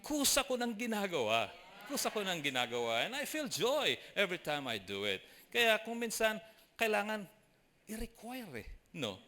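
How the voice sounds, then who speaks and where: A man's voice: high voice, bright, forceful tone, slight background noise. A middle-aged man with a Filipino accent preaching a sermon, mixing personal stories with questions to the congregation. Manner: mixes storytelling and preaching, asks the congregation questions. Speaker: lay preacher.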